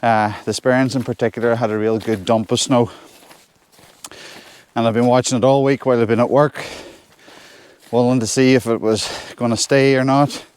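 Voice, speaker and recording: A man's voice: mid-range voice, little pitch movement, normal speed, darkish tone, clean tone. A man with a Northern Irish accent chatting casually to viewers as he trudges through snow outdoors on a solo hike. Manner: talking while trudging through snow on foot. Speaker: solo hiker vlogging. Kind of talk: casual walking vlog. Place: outdoors on a snowy hill forest track.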